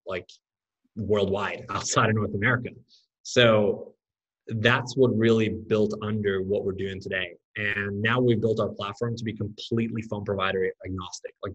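Earnest Norwegian-raised startup founder, low voice. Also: male voice, breathy edge, poor audio. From Norway. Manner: earnest, enthusiastic, with fillers. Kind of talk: podcast interview.

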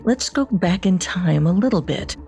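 A woman co-hosting a podcast, reading scripted true-crime narration with measured storytelling delivery. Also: lowish voice, lively intonation, warm tone, faint music behind. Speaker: podcast co-host.

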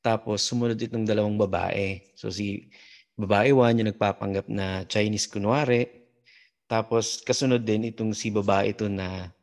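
Man, podcast guest, casual storytelling, somewhat low voice, halting, lots of fillers. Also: fairly even intonation, a little mellow. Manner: halting, many fillers and restarts.

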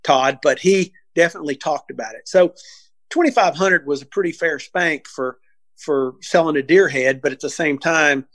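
A man being interviewed, telling a case story in a casual, animated way, acting out what people said, with frequent restarts. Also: on the high side, moderate pace, dry recording.

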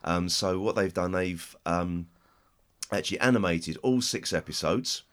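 British male podcast host, low and croaky with a chesty cold, casual and rambling. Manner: halting, rambling delivery. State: chest infection, hoarse with a cold.

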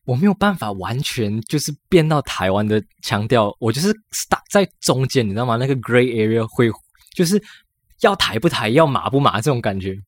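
A woman's voice: a bass voice, big pitch swings, no echo. A woman from Malaysia with a Malaysian accent, co-hosting a casual podcast chat, laughing often. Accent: Malaysian Chinese. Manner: fast-talking, code-switching, laughs often. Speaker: podcast co-host.

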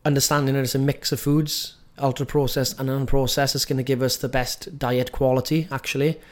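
Brief: man, nutrition coach, mid-pitched, direct and emphatic teaching. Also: little pitch movement, fairly quick. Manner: emphatic, direct, keeps asking "right?". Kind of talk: coaching lesson.

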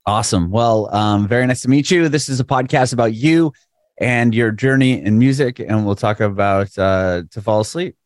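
A man's voice: mid-range voice, normal speed, no echo, clean studio sound. A man hosting a podcast interview over a video call, with an easygoing manner and frequent laughter. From San Diego, USA. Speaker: podcast host. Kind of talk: casual interview chat. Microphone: video call mic.

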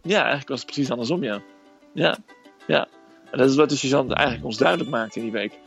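A man telling a personal story in a casual, hesitant way, filling pauses with "eh". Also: mid-range voice, gravelly, soft background music. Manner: hesitant storytelling, frequent "eh" fillers.

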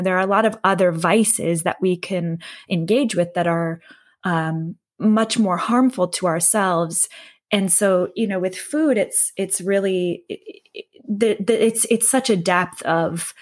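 A young adult woman speaks in a relaxed conversational interview. She is reflective and circles her points, with lots of fillers and restarts. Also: lowish voice, a little slow. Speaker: podcast guest, health coach.

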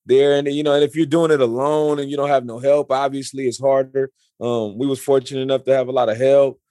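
A man's voice: medium pitch, level tone, dark tone, dry recording, clean studio sound. A man in his forties chatting casually, often stumbling and restarting his sentences. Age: 40s. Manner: halting, repeats words and restarts often. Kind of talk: casual chat.

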